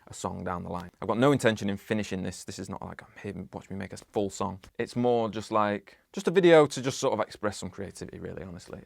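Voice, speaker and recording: A man's voice: on the low side, gravelly, dry recording. A young man who makes music, talking casually about his process in his home studio, rambling with lots of "like". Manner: relaxed, rambling, many "like" fillers. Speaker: music producer. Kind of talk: casual studio vlog talk.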